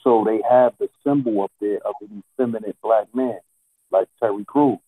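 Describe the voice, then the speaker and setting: A man's voice: on the low side, normal speed, no room sound. Muffled guy on a headset, sounds like he's through a wall, tinny and dry, lecturing hard. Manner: lecturing, insistent, repeats rhetorical questions. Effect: muffled, dull sound as if through a wall. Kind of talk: opinionated talk in an online audio chat room.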